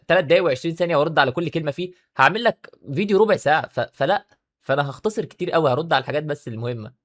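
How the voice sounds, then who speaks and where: A man with an Egyptian accent, commenting on a video clip in an animated, argumentative way, talking back at the other speaker. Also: high voice. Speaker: reaction video creator.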